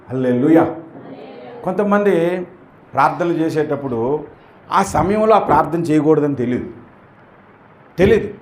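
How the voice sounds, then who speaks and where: A male pastor preaching emphatically, acting out prayers and rebukes to show how they should sound. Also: high voice. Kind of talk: sermon. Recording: echoey room.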